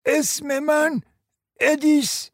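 Ancient frail old lady, high and loud, slow deliberate words, storybook. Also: steady tone, no room sound, clean studio sound. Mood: solemn.

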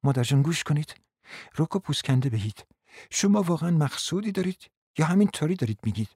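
A proud, bitter young woman , played by a man in a radio drama, sharp and scornful in a high voice. The sound is dry and close. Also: big pitch swings, breathy edge, dry recording.

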